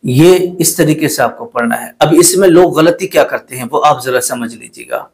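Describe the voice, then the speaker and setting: A man teaching a religious lesson in polite, patient with a lilt. He corrects common mistakes and repeats words carefully. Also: on the high side. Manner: recites the Arabic prayer slowly in a melodic chant. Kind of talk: religious instruction to camera.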